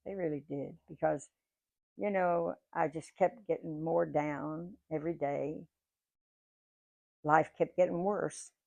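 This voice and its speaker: Speaking to a live audience in a museum event room, a woman in her nineties from Georgia, USA, is the guest speaker, spinning folksy, chatty stories from her life and acting out what people said. Her voice sits low and steady, with vocal fry, a slow pace, long pauses and a slightly mellow quality. The audio is dull, with no room sound.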